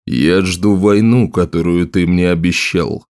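A brutal, scarred raider king , as a male narrator plays him, speaking low and slow in a gruff, mocking growl. He gloats over plunder and destruction in a fantasy audiobook. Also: fairly even intonation, a little mellow, no echo. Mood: gloating.

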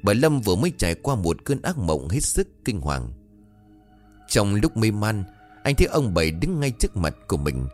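A man's voice: fairly low pitch, very animated, moderate pace, darkish tone. A man narrating a ghost story and voicing its characters in the dialogue. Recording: faint music behind.

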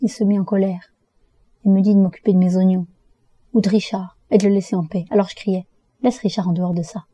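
A woman reading a first-person story aloud for an audiobook in a steady, measured way. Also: medium pitch, dry recording. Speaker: audiobook reader.

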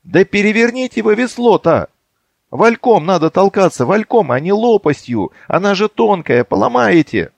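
An impatient male boatman scolds in a high, strained shout, as a man puts him on. He sounds exasperated and loud. The dry, close recording keeps the shouting up front. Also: expressive, normal speed, no room sound. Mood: angry.

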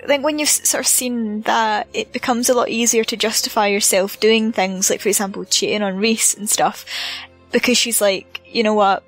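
A woman's voice: fairly high pitch, a bit bright, poor audio. A woman in casual discussion, thoughtful and loose, hedging as she talks.

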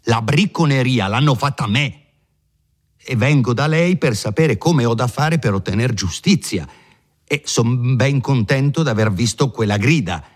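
A man's voice: medium pitch, animated, a little slow, voice pushed up. A man voicing an earnest, agitated young peasant in an audiobook reading, insistent and pleading.

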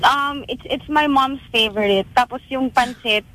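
A woman calling into a radio show, speaking in a soft, slightly hesitant way. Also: high voice, normal speed, poor audio. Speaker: caller. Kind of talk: casual phone call.

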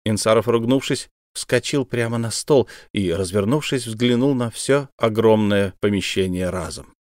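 A man reading an audiobook in a dramatic, measured narration. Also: lowish voice, a little mellow, no room sound, studio quality. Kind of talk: scripted narration.

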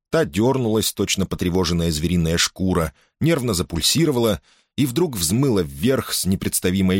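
A man reads a science-fiction story aloud in a lively, theatrical way, with big swings of pitch. His voice is fairly low and sits close and dry, with no room sound around it. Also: no echo. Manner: lively, theatrical reading with sharp rises for dialogue. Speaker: audiobook narrator. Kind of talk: expressive sci-fi audiobook narration.

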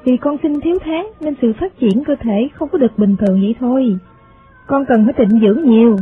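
A man's voice: very high voice, brisk, pitched above the performer's own voice. A man reading an audiobook voices a worried middle-aged mother who coaxes and reassures in an anxious way. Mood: anxious coaxing. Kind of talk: audiobook character voice. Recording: phone-like sound, faint music.

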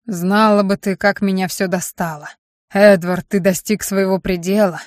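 A woman's voice: mid-range voice, steady tone, moderate pace, dry recording, studio quality, close to an everyday voice. A woman reading an audiobook and voicing a fanatical, self-satisfied male mage who rants about gaining power. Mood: fanatical boasting. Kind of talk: audiobook character voice.

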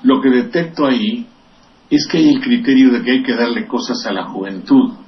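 A man's voice: medium pitch, moderate pace. An older man from Veracruz with a Mexican accent, giving rambling, sardonic and profane political commentary as a radio host. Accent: Mexican Spanish. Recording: distant, dull lo-fi radio recording with faint hiss.

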